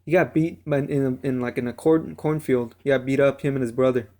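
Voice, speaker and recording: A man explains things earnestly in a casual chat and often clears his throat. His voice sits at an ordinary middle pitch. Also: fairly even intonation, fairly quick, mellow. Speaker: co-host. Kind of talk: casual chat about movies.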